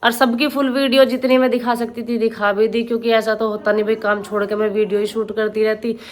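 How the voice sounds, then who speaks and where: A woman's voice: fairly high pitch, little pitch movement, brisk. A woman chatting casually to her vlog audience, sounding worn out and plain-spoken. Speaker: vlogger.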